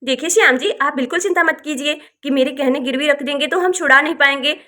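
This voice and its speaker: A selfless, devoted wife from a village doll drama, played by a woman. She insists and reassures in a bright, very high voice. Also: quick pace. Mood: reassuring.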